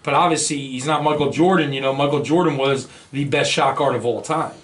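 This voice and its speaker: Brisk and medium-pitched, an American man takes part in an informal sports debate on a podcast, pushing his arguments emphatically. He records in a small indoor podcast studio through a boom-arm studio microphone wearing a foam windscreen.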